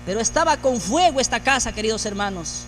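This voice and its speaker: High-voiced male preacher. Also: lively intonation, a little fast, a bit bright, slight background noise. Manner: preaching with rising, emphatic repetition. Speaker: pastor. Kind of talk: sermon.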